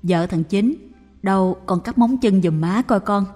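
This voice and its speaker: A frail elderly mother, as a woman reads her lines, soft, unhurried and firm. Her tone is mellow and dark. The voice rings in a long reverb with faint music underneath. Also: mid-range voice, close to an everyday voice. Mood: gentle.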